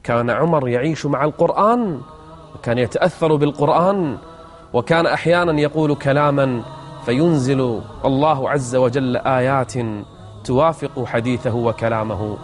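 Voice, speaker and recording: A man's voice: medium pitch, moderate pace. A man presenting a religious programme, telling stories rhetorically in formal standard Arabic, with repeated phrases and questions. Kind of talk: religious storytelling to an audience. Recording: music behind the voice.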